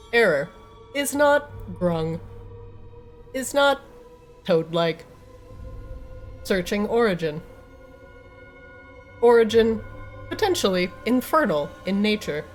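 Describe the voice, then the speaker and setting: A woman's voice: mid-range voice, slow pace, long pauses, soft background music. A woman doing a glitching robot archivist. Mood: mechanical. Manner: flat clipped machine phrasing. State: glitching, stuck repeating error messages. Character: glitching male robot archivist, clipped and literal. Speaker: game master.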